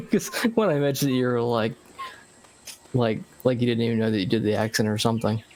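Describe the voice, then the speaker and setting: A woman's voice: extremely low pitch, a little fast, a little mellow, a little hiss or hum. A woman chatting casually while gaming with a friend, laid-back and teasing, laughing often. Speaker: co-player.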